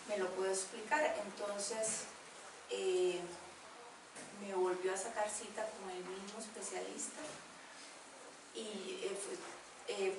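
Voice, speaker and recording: A woman telling an emotional personal faith story, full of fillers. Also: medium pitch. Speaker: group member sharing testimony. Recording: echoey room, distant mic, background noise.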